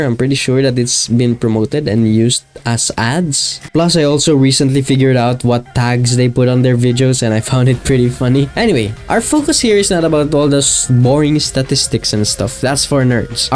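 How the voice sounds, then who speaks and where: A channel host and video essayist delivers scripted commentary in a casual, jokey, self-deprecating way. His voice is medium-pitched with a darkish tone, backed by guitar and plucked-string music.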